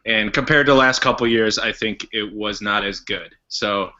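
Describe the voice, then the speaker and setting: A man on a podcast panel discussing wrestling casually, in a halting, wordy way with self-corrections. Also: lowish voice, muffled recording, noisy background.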